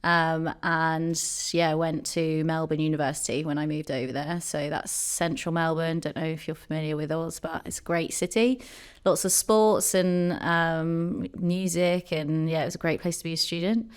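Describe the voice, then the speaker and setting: Chatty woman guest on a podcast, low voice, smooth and clear, lots of ums. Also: steady tone, normal speed. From Jersey, Channel Islands. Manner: chatty, many ums and likes. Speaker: podcast guest, company co-founder. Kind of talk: casual interview chat.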